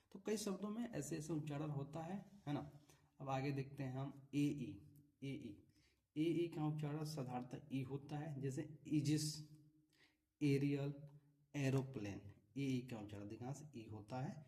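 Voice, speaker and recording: In a classroom-style explanation, a male teacher walks through English vowel rules step by step, patiently repeating each example word and often using tag questions to check that the listener follows. His medium-pitched voice is dark and mellow, captured from a distance off the mic.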